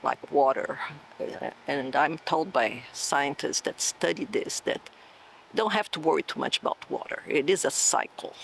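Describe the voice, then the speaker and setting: In this low-quality recording, a woman in her sixties from southern Brazil speaks in a low, creaky voice over a faint hiss or hum. A cell biology professor with a Brazilian Portuguese accent, she gives thoughtful answers in an oral history interview and keeps checking in with "right?".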